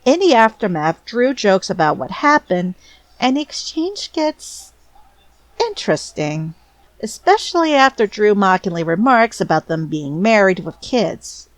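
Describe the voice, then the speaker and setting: Lively woman narrating fan commentary. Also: medium pitch, unhurried, no room sound. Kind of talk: scripted narration.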